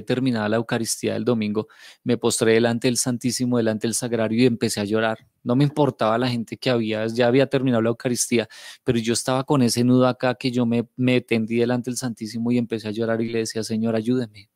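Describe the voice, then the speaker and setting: A man's voice: medium pitch, a little mellow, no echo, studio quality. Earnest Colombian man telling his testimony. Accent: Colombian, Bogotá. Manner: earnest, emotional storytelling with repetitions. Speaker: testimony speaker. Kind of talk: personal faith testimony.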